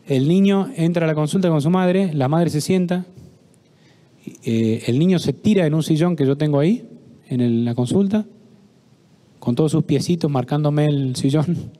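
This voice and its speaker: Mellow-voiced Argentine man giving a talk. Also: a little high, moderate pace, pauses often. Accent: Argentine Spanish. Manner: storytelling, acts out dialogue, asks audience questions. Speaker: psychologist giving a parish talk. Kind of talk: conference talk with anecdotes. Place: parish hall.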